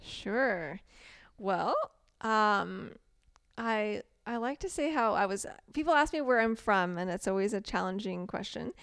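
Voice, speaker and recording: A young woman guest, chatty and quick to laugh, telling her life story in a casual interview. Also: mid-range voice, animated, fairly bright tone, clean tone, no room sound, studio quality. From grew up in Morocco and Ontario. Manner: chatty, laughs easily, many ums. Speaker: podcast guest, artist.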